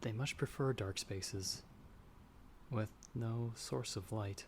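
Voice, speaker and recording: In an ASMR audio roleplay, a young adult man plays a timid young traveler, a storyteller trapped by a vampire, speaking softly and hesitantly and stammering when afraid. His voice is fairly low and slow, sounding curious and uneasy, with storm noise in the background.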